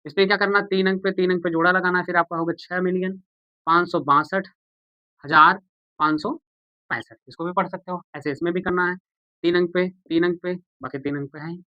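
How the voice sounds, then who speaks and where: A man's voice: high-pitched, fairly even intonation, a little fast, no echo, lo-fi sound. A man teaching a maths lesson, patient and repetitive, who asks the viewers questions and answers them himself. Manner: patient, repeats steps, calls viewers "beta" and "bhaiya".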